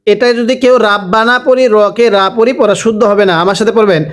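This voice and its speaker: In a Quran lesson, a high-voiced man with a Bangladeshi Bengali accent sounds out syllables one by one and follows them with drawn-out chanted recitation.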